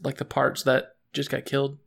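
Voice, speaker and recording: Creaky-voiced man playing a tabletop game. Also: medium pitch, completely flat delivery, moderate pace. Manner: dry, wry joking. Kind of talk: casual table chat.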